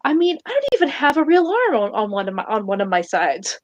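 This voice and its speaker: During a tabletop role-play, a woman narrates what her character does and speaks as her, restarting haltingly and using fillers. Her voice is a little high, with no room sound.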